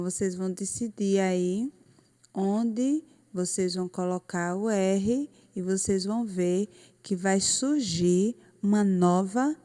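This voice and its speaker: Slow, patient Brazilian woman teacher. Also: medium pitch, warm tone. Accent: Brazilian Portuguese. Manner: patient, explains step by step and repeats words. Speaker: primary school teacher. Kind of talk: recorded remote lesson for children.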